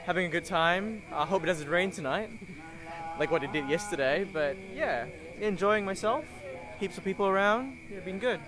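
A man from Malaysia, chatting in a relaxed and easygoing way in a vox pop interview at an outdoor festival. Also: high voice, moderate pace. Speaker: festival-goer. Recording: music playing behind, voice a bit distant.

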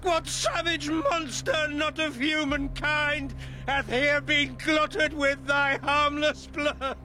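A man's voice: high-pitched, expressive, slow. A man playing an anguished grieving father. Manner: declaiming, anguished verse. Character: grief-stricken aging father seeking revenge. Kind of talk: classical verse drama.

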